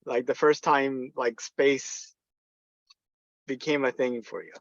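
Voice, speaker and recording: A man's voice: mid-range voice, level tone, no room sound. Hesitant man interviewing, muffled audio. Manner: hesitant, halting questions. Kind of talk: casual interview.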